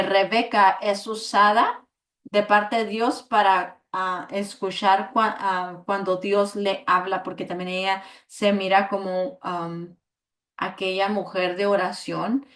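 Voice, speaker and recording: A woman teaching a Bible study at a middle pitch, in a flat, monotone voice. She talks evenly and fills her pauses with hesitations and tag questions. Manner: flat, even delivery with many fillers and tag questions.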